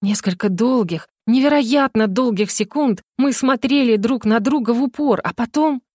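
A woman narrating a first-person fantasy audiobook in a lively, ironic way. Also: on the high side, normal speed, no room sound, studio quality.

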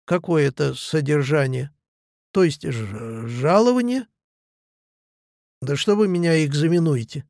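A man's voice: a little high, expressive, measured pace, creaky, long pauses, darkish tone, no echo, studio quality. A man reading the lines of a bitter, touchy young clerk who answers in clipped, defensive retorts. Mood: defiant.

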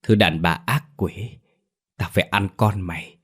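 A man voicing a vengeful female ghost seeking her murdered child, speaking slowly and menacingly. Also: deep voice, a bit bright, husky. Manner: slow, menacing.

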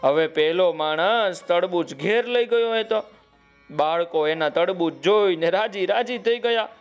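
High-voiced man telling a children's story. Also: a little slow, smooth, soft background music. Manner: warm, addresses listeners by name.

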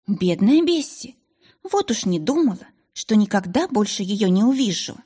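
A woman reading an audiobook, voicing a gentle, tearful young lady of good family with a raised, emotional voice. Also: high voice, big pitch swings, moderate pace, breathy edge, pitched above the performer's own voice, heavily acted. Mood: distressed. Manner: emotional, pleading.

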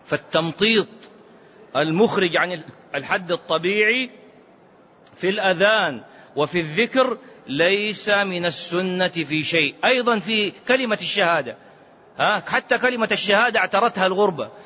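A man preaching a fatwa sermon emphatically, at times mimicking drawn-out chanting, in a large hall. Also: high voice, animated, pushed and bright, breathy edge. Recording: muffled recording with long hall reverb.

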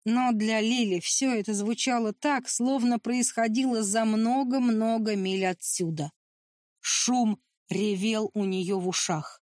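Woman reading an audiobook, kinda high voice, super dry close sound. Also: steady tone, measured pace, darkish tone, no echo. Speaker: audiobook narrator. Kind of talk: scripted audiobook narration.

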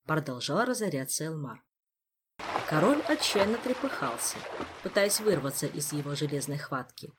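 A man narrating an audiobook with expressive, lively storytelling. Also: fairly high pitch, moderate pace, noisy background. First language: Indonesian. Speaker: audiobook reader.

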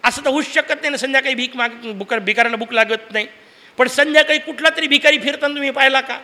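A man's voice: very high-pitched, fast talker. A man giving a devotional discourse, telling stories and asking the audience questions. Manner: lively storytelling with rhetorical questions to the audience. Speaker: preacher. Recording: long hall reverb.

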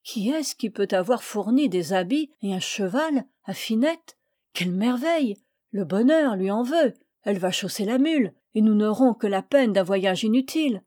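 Two vain princess sisters from a storybook, their words scornful and mocking, read out by a woman. The voice is mellow and the sound close and dry, with no room around it. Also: mid-range voice, expressive, normal speed, dry recording, lightly acted. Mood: dismayed. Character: two proud haughty young princess sisters.

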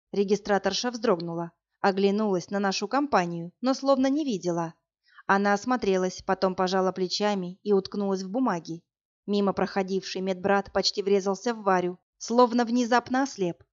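A woman narrating a fantasy novel in an even, measured storytelling voice. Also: medium pitch, highs cut off. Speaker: audiobook reader.

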